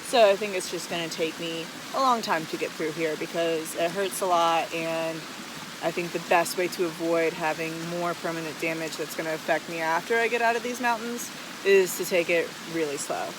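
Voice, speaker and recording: Rambling American hiker over loud rushing water. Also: medium pitch, fairly even intonation, background noise. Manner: rambling, hesitant, frequent "like". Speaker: vlogger, long-distance hiker. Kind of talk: casual rambling video diary. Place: outdoors beside rushing waterfall.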